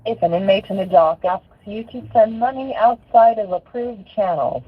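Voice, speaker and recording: A woman's voice: mid-range voice, normal speed, breathy edge. A woman reading a formal recorded call message, heard through an automated phone system. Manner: even, formal announcement delivery. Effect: heard over a phone line. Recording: tinny phone line, faint hiss.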